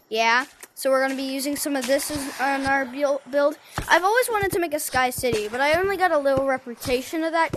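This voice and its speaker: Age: unknown. Sex: woman. Pitch: high. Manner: rambling, chatty, self-correcting. Style: casual gameplay commentary. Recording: noisy game capture. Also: fairly bright tone. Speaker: gaming video creator.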